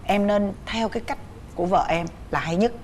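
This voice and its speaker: Middle-aged Southern Vietnamese woman, talk show host, coaxing and chatty, mid-pitched, faint background noise. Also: normal speed. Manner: warm, coaxing, speaking gently to a child. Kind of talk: casual chat.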